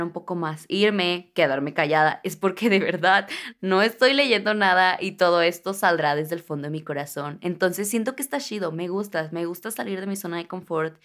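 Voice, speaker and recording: Young woman, podcast host; animated, playful, unscripted chat with frequent laughs. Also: lowish voice. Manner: animated, jokey, laughs often, slips into English swearing.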